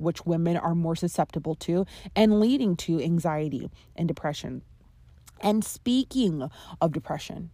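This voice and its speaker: A woman's voice: fairly low pitch, mellow, dry recording. A young adult woman hosting a podcast, talking earnestly and conversationally with playful emphasis. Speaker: podcast host. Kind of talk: solo podcast talk.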